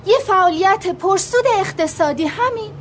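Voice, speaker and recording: A woman's voice: extremely high pitch, slight background noise. An actress playing an impatient woman investor who asks pointed questions about her money.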